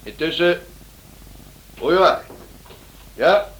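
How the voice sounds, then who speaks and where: In a noisy old radio drama recording, a male actor voices a shrewd, courteous writer and amateur sleuth. He uses a full character voice at a fairly high pitch, brisk in mood, animated, polite and probing, swinging between briskness and hesitation.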